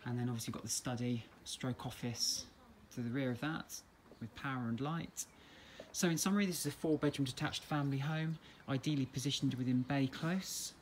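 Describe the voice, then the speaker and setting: A medium-pitched English man talks at normal speed while narrating a walk-through of a detached house and its back garden. As an estate agent, his patter is easygoing, relaxed, chatty and plain. The sound comes from a handheld phone camera and carries faint background hiss.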